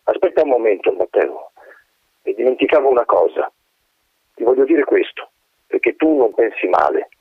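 A man playing a proud, gruff old colonel, stubborn and lonely, speaking in a curt, stubborn way in a radio drama reading. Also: medium pitch, sing-song, moderate pace, long pauses, no room sound, pitched above the performer's own voice. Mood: bitter. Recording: tinny phone-like radio sound.

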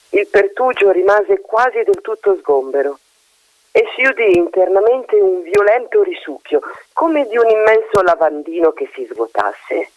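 A man narrating a novel in a measured, expressive storytelling manner. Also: sits high, dry recording, lo-fi sound.

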